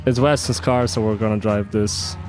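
A man's voice: fairly low pitch, fairly even intonation, normal speed, music in the background. A man giving casual, profane let's play commentary, reading the game's lines aloud. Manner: casual and profane, reads game dialogue aloud in character.

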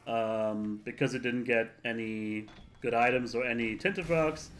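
A man's voice: medium pitch, measured pace, fairly bright tone. A man giving laid-back, meandering live commentary on a video game he is playing. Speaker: let's player.

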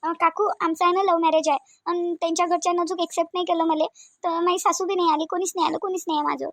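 A lonely young new mother speaks in a soft, hesitant Varhadi accent for a cartoon. Her voice sits high and moves quickly. The sound is dry and close. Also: level tone, no room sound. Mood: sad. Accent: Varhadi Marathi. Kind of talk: cartoon voice acting.

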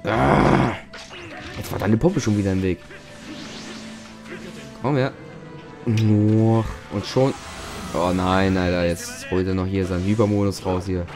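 A young man hosting a let's play, chatting casually and swearing at the game in loud outbursts. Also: low-pitched, fairly even intonation, takes it slowly, pauses often. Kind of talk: casual gameplay commentary. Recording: game music behind the voice.

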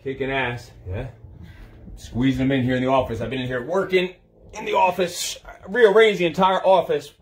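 A man's voice: medium pitch, normal speed. Man, forties, tired trainer, mid-range voice, exerting himself in push-ups, casual livestream talk. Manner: talking while doing push-ups, physically exerted. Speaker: personal trainer doing a fitness challenge. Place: small carpeted home office, indoors. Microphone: phone on a stand a step or two away.

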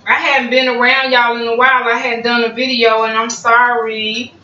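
A woman's voice: on the high side, level tone, normal speed, sharp tone, slight background noise. Chatty woman in an echoey kitchen. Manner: chatty, talks to viewers as y'all, savoring bites with hums. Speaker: cooking vlogger. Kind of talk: casual cooking vlog chat. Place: home kitchen. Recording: roomy, distant, muffled home recording.

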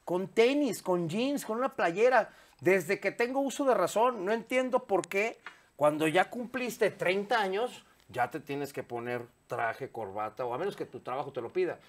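A Mexican man in his fifties sits on a studio sofa and talks openly as an interview guest, with a lapel mic close to his voice. His voice sits a little high for a man. He speaks with animated energy and curses casually. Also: moderate pace. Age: 50s. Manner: candid, animated, swears freely, gestures a lot.

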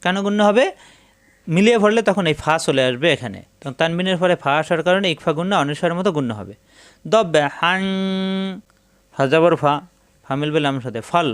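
Male Quran teacher, Bangladeshi Bengali accent, slightly high, smooth clear tone, patient and repetitive, dry close mic. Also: animated, no echo. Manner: slow drawn-out chanting of Arabic words between plain explanations; patient, methodical, repeats each syllable. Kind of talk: step-by-step spelling and pronunciation lesson.

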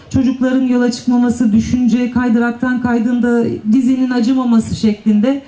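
A woman's voice: on the high side, dark tone. A woman mayor giving a formal, emphatic panel speech at a podium microphone. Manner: earnest, emphatic speechmaking with drawn-out stresses. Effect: speaking at a podium microphone. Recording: echoey public address sound.

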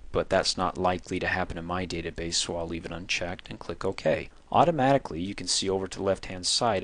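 A man narrating a screencast software tutorial, walking through the steps in a relaxed, conversational way. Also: low voice. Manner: relaxed, conversational step-by-step explaining. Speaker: software instructor.

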